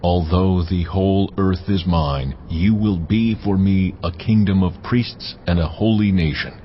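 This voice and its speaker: An actor playing God as a commanding, almighty male voice, speaking in a solemn and measured way in a dramatized Bible reading, with orchestral music behind. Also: low voice, slight background noise. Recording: muffled audio under orchestral music.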